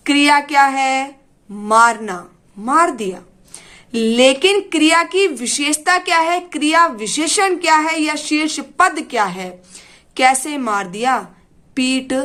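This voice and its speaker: A woman's voice: sits high, fairly bright tone. A woman teaching a grammar lesson to students. She asks questions, answers them herself, addresses the students fondly and keeps checking that they understood. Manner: keeps asking "clear?".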